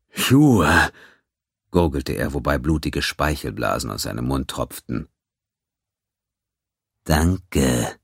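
A man narrating a science-fiction audiobook in a steady, even storytelling manner. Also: a bass voice, breathy edge, no echo, clean studio sound.

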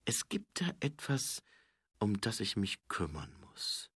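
A man voicing a guarded young female watch sergeant who speaks quietly and hesitantly, with a husky tone. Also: fairly high pitch, sing-song, normal speed, no room sound, clean studio sound, voice pushed up, heavily acted.

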